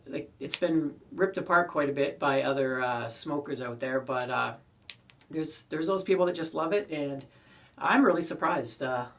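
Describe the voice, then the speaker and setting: A man's voice: a little high, fairly bright tone. A man with a Canadian accent rambles casually to his viewers while smoking a pipe, recorded in a small shed. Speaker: pipe-smoking video creator. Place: small wooden garden shed. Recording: distant mic, poor shed acoustics.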